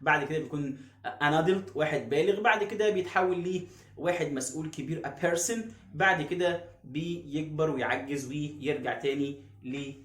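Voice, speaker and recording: In a phonics lesson on pronunciation, a male English teacher with an Egyptian Arabic accent asks himself questions and answers them. His voice is high and a bit bright, he repeats words slowly, and the room has a clear echo.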